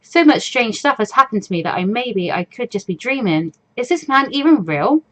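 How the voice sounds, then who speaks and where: Lightly acted in a fairly high, lively voice at a moderate pace, a woman gives voice to a fourteen-year-old visual novel heroine. The girl is anxious and introspective, musing hesitantly and in a troubled way in her inner monologue.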